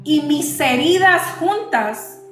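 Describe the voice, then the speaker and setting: A woman giving an emotional personal testimony to her audience, speaking slowly and repeating her phrases. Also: high voice, lively intonation. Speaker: host of a live talk. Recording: roomy sound with faint music.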